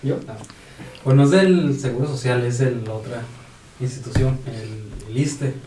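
A man's voice: mid-range voice, a little slow, warm tone. A young man with a Mexican Spanish accent, telling a story in casual, slangy podcast chat, swearing often. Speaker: podcast guest. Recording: echoey room, crowd noise behind.

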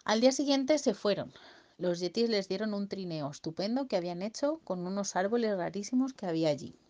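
A woman's voice: mid-range voice, lively intonation, brisk, darkish tone. Playful woman telling a bedtime story. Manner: playful, sings silly songs and sound effects. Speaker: storyteller to a child.

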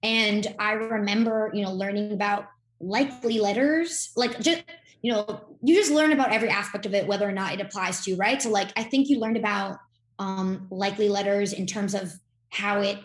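A woman's voice: medium pitch, steady tone, moderate pace. A young woman from Miami talks through her story in a loose, chatty way. She piles on fillers and restarts. Her voice carries the echo of the room. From Miami, Florida. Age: young adult. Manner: rambling, filler-heavy, chatty. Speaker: guest, incoming podcast host. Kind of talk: casual interview chat.

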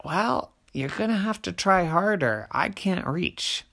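A small, slow, kindly tortoise from a bedtime storybook, voiced by a storyteller, raised well above the teller's own pitch. She answers plainly and helpfully, with a lively rise and fall. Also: vocal fry, full character voice. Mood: earnest. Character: small slow female tortoise, kind and practical.

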